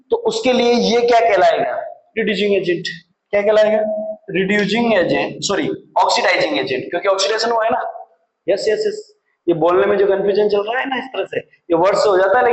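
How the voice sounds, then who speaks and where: Male chemistry teacher, high-pitched, drills terms by question and answer; roomy classroom sound. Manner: asks the class questions and answers them himself, repeating key terms. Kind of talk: classroom lecture. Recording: echoey classroom.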